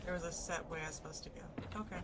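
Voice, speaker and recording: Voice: mid-range voice, steady tone, fast talker, noisy background. A game streamer commenting casually on their playthrough, joking at their own expense. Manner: playful, self-mocking. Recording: gameplay capture with music. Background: game music.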